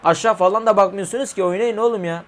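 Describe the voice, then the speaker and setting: A man in his twenties commentating his mobile football game, shouting player names and cursing at missed passes. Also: sits high, fast talker. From Turkey. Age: 20s. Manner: excitable, yelling player names at goals, swearing at the game. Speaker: gaming YouTuber.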